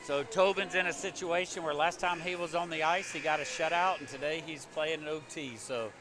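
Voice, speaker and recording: A man's voice: on the high side, a little fast. A man giving hockey color commentary, nervous about the close game and cheering the home team on. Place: ice rink.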